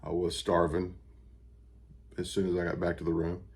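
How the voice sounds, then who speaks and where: An American man with a deep voice talks casually to the camera in a personal update. His delivery is plain-spoken and unhurried, a little halting, with pauses as he gathers the next thought. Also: monotone, darkish tone, breathy edge. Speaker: vlogger recovering from surgery. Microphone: camera on a stand with ring light.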